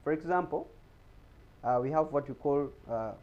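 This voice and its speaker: A man's voice: fairly high pitch, normal speed, dull audio. A man giving an explanatory talk on health in a TV studio, often repeating words as he searches for them. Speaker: guest speaker on health.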